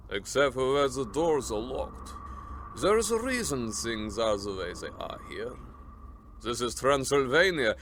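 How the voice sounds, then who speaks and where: Count Dracula, courtly and sinister. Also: male voice, medium pitch, fairly bright tone. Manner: formal, deliberate, ceremonious. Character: courtly, sinister vampire count, an ancient Transylvanian nobleman. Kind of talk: radio drama acting. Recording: faint background ambience noise.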